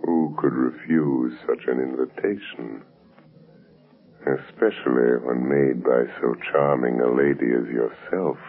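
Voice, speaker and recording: An actor playing a menacing, mocking invisible avenger in 1930s radio drama style, gravelly and theatrical. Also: male voice, rumbling low, exaggerated voice. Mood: mocking, suave. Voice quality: gravelly, sinister. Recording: muffled old 1930s radio recording.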